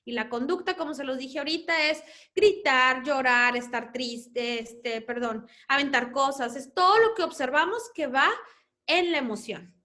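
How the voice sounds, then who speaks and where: This is a woman with a Mexican accent and a high voice giving a talk to parents on family life. She speaks as a mother herself, explaining her points and acting out what children say at home. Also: moderate pace, sharp tone. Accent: Mexican Spanish. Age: adult parent.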